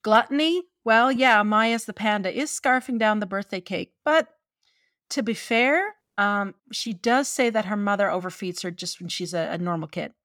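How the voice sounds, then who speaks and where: A woman from gives conversational opinion commentary on film, expressive and opinionated, with wry asides. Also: mid-range voice, normal speed, no room sound, clean studio sound. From Newfoundland, Canada.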